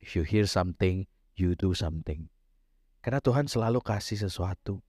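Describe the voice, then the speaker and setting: A man preaching a sermon as pastor, mixing Indonesian and English, telling a story and slowing down to stress key points. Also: low-pitched, darkish tone, slightly rough, no echo, clean studio sound. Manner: switches between Indonesian and English mid-sentence; slows down for emphasis, storytelling delivery.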